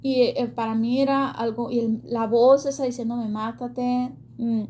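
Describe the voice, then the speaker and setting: A woman's voice: fairly high pitch, steady tone, measured pace, mellow, slight background noise. Earnest woman giving testimony. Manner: earnest and emotional, with hesitant fillers. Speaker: ministry speaker giving testimony. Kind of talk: personal faith testimony.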